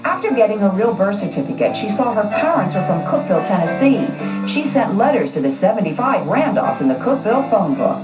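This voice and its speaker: A woman's voice: mid-range voice, very animated, quick pace. Dramatic woman narrating tabloid TV news. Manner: dramatic, storytelling delivery. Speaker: TV news reporter. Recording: echoey, distant old TV broadcast with music.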